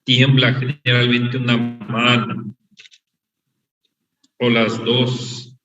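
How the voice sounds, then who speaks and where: A man lecturing a medical class, explaining terms slowly and repeating the key words. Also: mid-range voice, little pitch movement, pushed and bright, faint music behind. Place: online class. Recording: echoey, dull, far from the mic over an unstable online connection.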